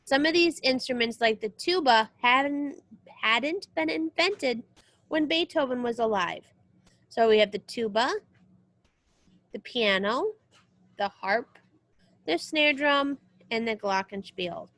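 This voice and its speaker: Slow and animated, with frequent pauses and a fairly bright tone, a somewhat high-voiced woman reads to young listeners in the role of a music teacher. It's a read-aloud lesson where she moves between the story's text and quick asides that explain things.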